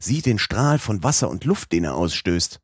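A man voicing an excitable older professor in an audiobook, exclaiming eagerly. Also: sits low, normal speed, breathy edge, no room sound, clean studio sound, full character voice. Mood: excited. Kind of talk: audiobook character voice.

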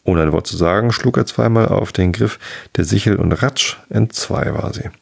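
A man narrating a folktale in the first person, telling it in a lively way. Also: fairly low pitch, moderate pace, gravelly, husky. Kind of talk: storybook reading of a folktale.

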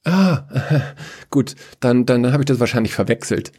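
A man's voice: mid-range voice, a little slow, a little mellow, slightly rough, voice pushed up. A man voicing a clumsy, scatterbrained male figure of Chaos who stammers and apologizes in a rush. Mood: eager.

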